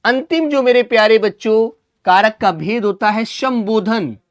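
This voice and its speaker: A man's voice: high voice, unhurried. A man teaching Hindi grammar in an online exam-prep class, who asks his students questions, answers them himself, and calls them son and brother.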